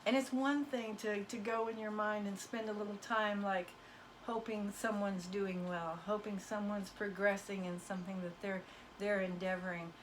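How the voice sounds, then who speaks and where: This is a low-quality recording with a little hiss or hum, in which a woman card reader talks straight to her viewers in a casual motivational way. Her everyday mid-range voice is going hoarse, with an occasional cough, yet her tone stays steady at a normal speed. Her delivery is emphatic and a bit preachy, full of folksy expressions.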